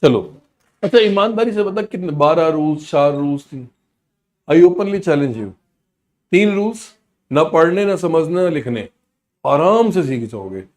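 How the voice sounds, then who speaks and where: A man teaching a live online class, energetic and coaxing, often slipping into English phrases. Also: fairly high pitch, a little slow, pauses often.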